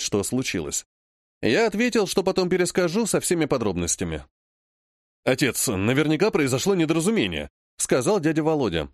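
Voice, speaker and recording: A man reading a first-person audiobook in a calm, even way. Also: a little high, dry recording, clean studio sound. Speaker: audiobook narrator.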